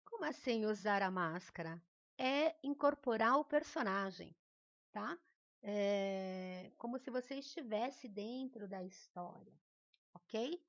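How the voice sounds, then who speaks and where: A woman's voice: mid-range voice, animated, takes it slowly, no room sound, muffled recording. A woman teacher with a Brazilian accent, giving a recorded remote lesson in a patient, encouraging way and often checking in with her students. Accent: Brazilian Portuguese.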